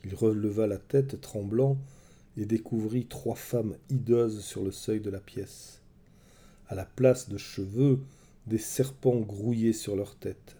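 A man telling a myth in measured, dramatic scripted narration. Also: on the low side, steady tone, slightly rough. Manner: measured, dramatic storytelling, soft at the close. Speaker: storyteller.

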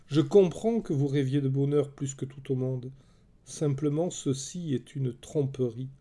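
A man's voice: mid-range voice, measured pace, mellow, natural voice. A man voicing a desperate young prophetess whose warnings go unheard, pleading and crying out in a raised voice. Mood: urgent. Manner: frantic, pleading, rising to wild cries.

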